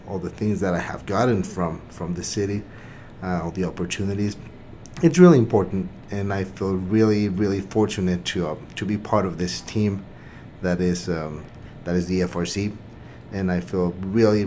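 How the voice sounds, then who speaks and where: A man's voice: low-pitched, a little mellow, slight background noise. A man from Mexico hosting a podcast and speaking in an earnest, reflective way, with many fillers and restarts. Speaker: host, center director. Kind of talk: podcast hosting and personal sharing.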